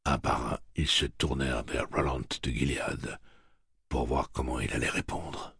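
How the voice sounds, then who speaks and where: A man narrating an audiobook in a steady, measured reading. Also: rumbling low, vocal fry, husky, no echo, clean studio sound. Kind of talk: scripted narration.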